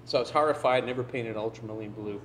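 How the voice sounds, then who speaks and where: A man telling animated anecdotes on a panel at a live venue, acting out the people he quotes. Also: medium pitch, fast talker, a little hiss or hum. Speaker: panelist, fantasy illustrator. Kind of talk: casual panel chat.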